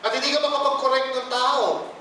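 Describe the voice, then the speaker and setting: A Filipino pastor delivers a sermon in a high, light voice, moving between English and Filipino and acting out quoted voices. His intonation is fairly even, his pace fairly quick, and his tone bright and forceful. He sounds distant from the mic in a large church hall full of echo, with faint noise in the background.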